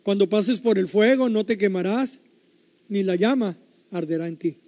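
A man's voice: high voice, normal speed, dark tone, in a large hall. An older man preaching a sermon, emphatic and repetitive, putting rhetorical questions to his listeners.

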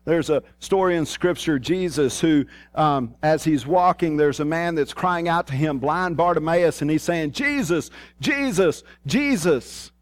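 High-pitched Southern country preacher man with twang. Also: moderate pace, hardly any pauses, no room sound. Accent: Southern US country, hillbilly twang. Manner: plain-spoken, folksy, repeats key phrases for emphasis. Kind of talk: sermon.

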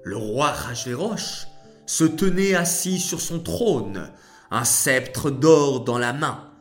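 A man narrating a children's story in a slow, deliberate storytelling voice. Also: medium pitch, lively intonation. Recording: faint background music.

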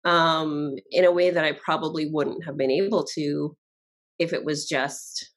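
A woman's voice: sits low, steady tone, unhurried. A woman from Barbados, a guest chatting casually in an interview and laughing often.

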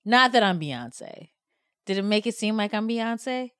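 Woman podcast host, playful and teasing, unhurried delivery, dry studio mic. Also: medium pitch, animated, fairly bright tone, clean tone, no echo. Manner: playful, jokey, laughs often. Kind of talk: casual comedic chat.

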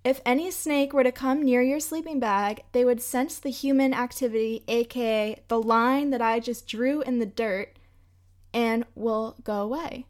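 A woman quoting a male tour guide as he calmly explains camp rules. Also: on the high side, normal speed, lightly acted. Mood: explaining. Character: male tour guide, calm and matter-of-fact.

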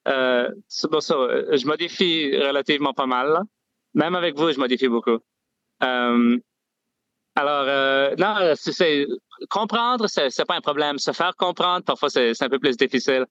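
A young man from Nova Scotia with an Acadian French accent, a guest storyteller speaking in an easygoing, halting way, full of "tu sais". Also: medium pitch, fairly bright tone, no room sound. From Nova Scotia, Canada. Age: young adult. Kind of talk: casual interview. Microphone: phone or remote call. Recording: dull remote line.

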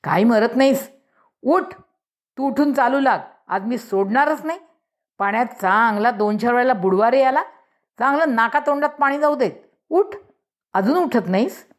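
A woman's voice: mid-range voice, big pitch swings, moderate pace, darkish tone, slightly rough. A woman voicing a stern but loving village mother who scolds her son, then pleads with him through tears. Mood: scolding.

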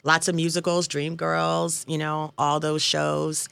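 A woman's voice: deep voice, little pitch movement, measured pace, gravelly, fairly bright tone, clean tone, dry recording. A woman in her fifties speaking as a guest in a radio interview, earnest and emphatic, repeating phrases for weight. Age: 50s. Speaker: guest, local politician. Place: radio studio.

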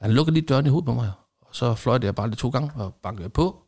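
A middle-aged man, a former football referee, telling lively anecdotes in conversation and acting out what people said. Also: medium pitch. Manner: animated storyteller acting out quoted exchanges.

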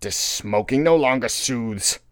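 A man's voice: mid-range voice, a little slow, fairly bright tone, no room sound, clean studio sound, lightly acted. A man voicing a vengeful, domineering old sea captain in a dramatic novel reading, with grandiose, archaic seafaring speech. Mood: brooding.

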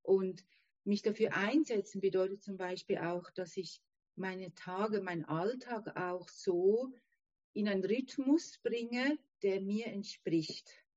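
Female interview guest, non-native German speaker, soft-edged tone, halting and thoughtful, slightly muffled sound. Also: medium pitch. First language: not German. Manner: halting, searching for words. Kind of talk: reflective personal conversation. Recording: dull, roomy sound.

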